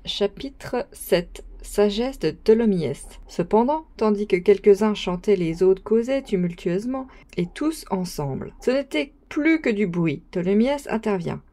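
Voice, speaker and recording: Warm-voiced woman reading aloud. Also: mid-range voice, animated, unhurried, hardly any pauses. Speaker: narrator. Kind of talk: audiobook reading.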